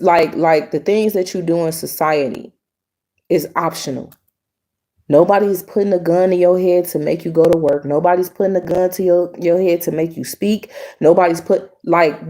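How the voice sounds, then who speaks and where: A woman's voice: fairly low pitch, dark tone. A young adult woman vlogger giving a casual opinion monologue to the camera, blunt and emphatic, repeating her points.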